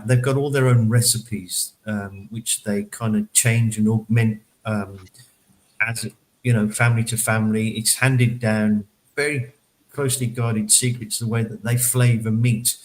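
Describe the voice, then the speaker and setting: A man's voice: lowish voice, steady tone, a little slow, a little mellow, poor audio. A man chatting casually on a panel show, rambling with lots of fillers and repeated words. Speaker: panelist reporting on a local event. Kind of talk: casual chat.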